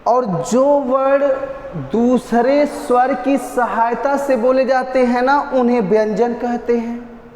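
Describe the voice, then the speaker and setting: High-voiced teacher, echoey room. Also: male voice, steady tone, takes it slowly, darkish tone, a little hiss or hum. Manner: repetitive, drills terms, chants Sanskrit lines. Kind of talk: exam-prep lesson. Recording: echoey roomy reverb.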